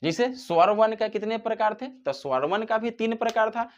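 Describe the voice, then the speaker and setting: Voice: mid-range voice, lively intonation, brisk, muffled recording. A teacher giving a grammar lesson, posing questions and answering them, drawing out example sounds to show their length. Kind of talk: classroom-style grammar lesson.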